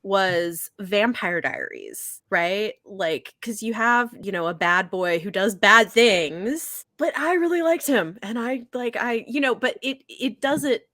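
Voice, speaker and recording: A woman's voice: medium pitch, expressive, slow, few pauses, fairly bright tone, dry recording, clean studio sound. A woman in her mid-thirties co-hosting a book podcast, chatting in a casual, incredulous way. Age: 30s. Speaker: podcast co-host.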